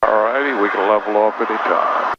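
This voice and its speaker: A man with a fairly low voice gives flight instruction over a cockpit headset. He is directive and repeats key points. The intercom is dull and has clear engine noise behind it. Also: a little fast. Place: inside a small plane in flight. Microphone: aviation headset. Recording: noisy band-limited cockpit headset intercom.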